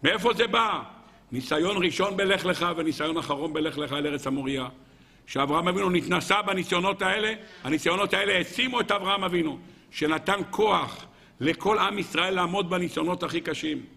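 A man's voice: high voice, vocal fry, sharp tone. A male rabbi giving a sermon, telling a story dramatically and acting out its voices.

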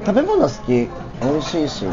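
A man's voice: a little high, wildly swooping pitch, normal speed. A young man hosting a casual chat over drinks in a campy, effeminate way of talking. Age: young adult. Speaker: video host. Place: restaurant table, indoors. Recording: dull sound, restaurant chatter.

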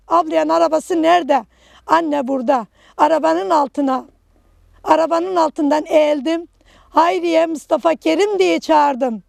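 Middle-aged woman, very gravelly, dry close sound, halting personal testimony. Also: high voice, a little mellow, dry recording. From Kahramanmaraş, Turkey. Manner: halting, tells events in short broken phrases. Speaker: earthquake survivor interviewee.

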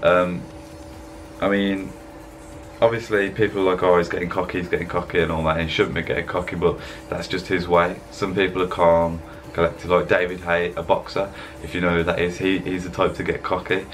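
A laid-back young fitness vlogger with a very low voice rambles chattily with fillers, recording a casual voice-over for gym footage indoors. His pitch barely moves and his pace is brisk. He uses a webcam at his desk.

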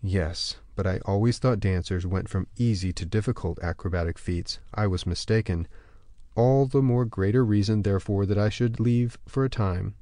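A man voicing a sardonic male musketeer who speaks in quiet, dry irony, in an audiobook reading. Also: on the low side, moderate pace, no room sound, close to an everyday voice.

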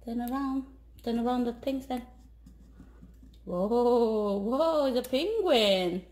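On a sofa in an echoey living room, an Indonesian-accented young family vlogger from Indonesia talks casually into a phone camera at arm's length, singing cheerful baby talk to her toddler. She speaks slowly in a fairly high, somewhat mellow voice.

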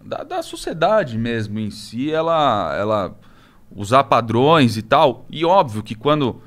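A young Brazilian man with a Brazilian Portuguese accent, a podcast guest talking casually and haltingly with many restarts. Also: mid-range voice, big pitch swings, fairly bright tone. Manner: hesitant, many restarts and fillers. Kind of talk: casual interview talk.

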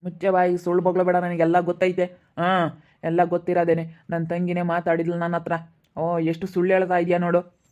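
Scolding female captor, played by a woman, flat delivery, Chitradurga Kannada accent. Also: lowish voice, fairly quick, highs cut off, natural voice. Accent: Kannada, Chitradurga region. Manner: scolding, taunting, flat threats. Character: bitter female captor scolding her prisoner. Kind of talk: amateur village drama.

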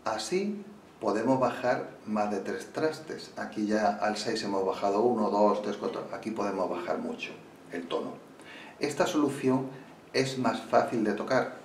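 A man with a fairly low voice talks through a flamenco guitar lesson in a calm, explanatory way. He sits back from the mic, so his voice sounds roomy and a little distant. Loud guitar playing rings out between his words. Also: slight background noise.

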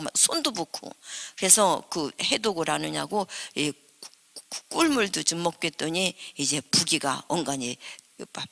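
An older woman preaching a revival sermon, telling personal stories with animated acted-out dialogue. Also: fairly low pitch, creaky. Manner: animated storytelling, acting out dialogue. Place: church sanctuary. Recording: reverberant church hall.

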